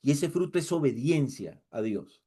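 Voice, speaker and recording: A man's voice: mid-range voice, big pitch swings, moderate pace, mellow, husky. A man preaching a sermon, impassioned and mocking as he mimics worshippers.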